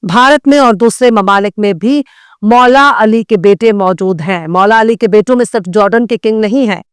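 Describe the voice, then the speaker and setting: A woman's voice: medium pitch, normal speed, clear, resonant tone, dry recording. Woman anchor, Indian, reads pointed scripted commentary; resonant voice, dry close mic. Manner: pointed, scornful delivery. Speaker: news anchor.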